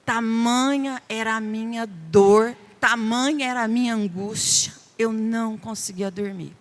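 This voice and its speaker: A middle-aged Brazilian woman preaches in church with a slightly high voice. She tells an emotional personal testimony and speaks straight to the congregation. She repeats key phrases to drive them home. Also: unhurried. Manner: addresses the congregation directly. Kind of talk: Mother's Day sermon testimony.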